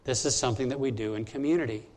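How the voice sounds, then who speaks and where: A man's voice: mid-range voice, racing, a little mellow. A man who is a pastor, preaching a sermon to his congregation, emphatic and walking through his points one by one. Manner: emphatic, teaching point by point, addressing the congregation directly. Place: church service.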